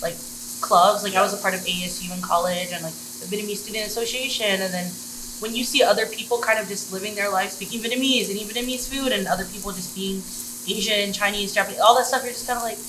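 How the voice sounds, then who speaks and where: Her voice pushed and bright, a young woman from Middleburg, Florida, talks quickly at a medium pitch with fairly even intonation. As a guest and social media creator, she recounts personal stories earnestly and casually, saying "like" constantly, in a roomy, noisy room where food is sizzling.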